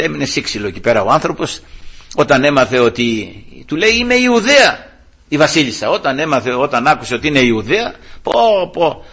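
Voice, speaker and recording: Animated high-voiced preacher, bright and husky. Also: male voice. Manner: animated retelling, acting out characters' quoted speech; repeats "he says" often. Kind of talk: storytelling sermon.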